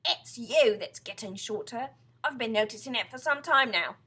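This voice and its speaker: A woman acts out a nasty older husband in a children's storybook, booming and bright with a husky edge. He bullies with relish, stretching out his words in mock-solemn menace. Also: lively intonation, full character voice. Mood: scornful, gloating. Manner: loud, emphatic, drawn-out menacing pronouncements. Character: gleefully cruel husband, an older man, bullying and mock-solemn. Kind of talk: children's storybook character reading.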